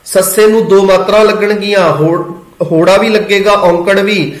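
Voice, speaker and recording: A man's voice: high voice, steady tone, unhurried, echoey room, rough recording. A man giving a patient pronunciation lesson, asking questions and answering them himself. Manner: patient, asks and answers his own questions. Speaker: Gurbani pronunciation teacher. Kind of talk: step-by-step spoken lesson.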